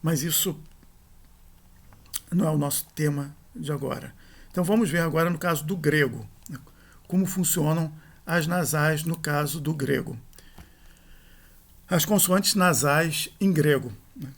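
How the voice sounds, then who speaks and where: A middle-aged man delivers a recorded grammar lecture in a somewhat high voice. He explains step by step and often corrects himself mid-sentence. Short tag questions keep checking that the listener is following. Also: a little slow, long pauses. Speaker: teacher.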